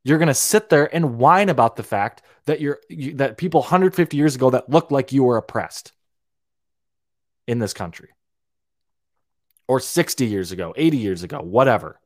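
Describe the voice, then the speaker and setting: A young Romanian podcast host delivers a heated, opinionated monologue in a mid-range voice with lively intonation, at a moderate pace with long pauses. He rants, repeats and restarts words, and swears freely. The recording is dry and close, with no echo.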